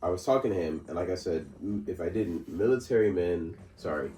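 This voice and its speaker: A man's voice: sits low, animated, fairly quick, dark tone, distant mic. A man co-hosting a casual podcast, telling a story with lots of fillers, restarts and laughter. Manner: rambling, laughs often, many fillers and restarts. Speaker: podcast co-host. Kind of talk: casual chat. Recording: roomy sound from off-mic, faint noise.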